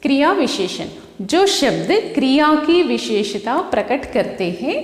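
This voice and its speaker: A woman's voice: fairly high pitch, sing-song, normal speed. Echoey woman teaching a lesson. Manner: mixes Hindi and Telugu, asks and answers own questions. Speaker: Hindi teacher. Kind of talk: classroom lesson explanation. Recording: echoey room with long reverb.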